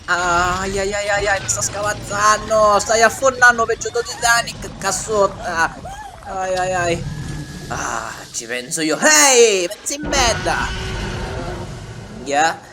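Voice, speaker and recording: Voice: medium pitch, lively intonation, slow. An actor voicing a frantic, foul-mouthed Sicilian in a comic parody dub of a dinosaur film, with a Sicilian accent and an exclamatory, colloquial manner. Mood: exasperated. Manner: exclamatory, colloquial, full of wails and swearing. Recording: music running under the voice.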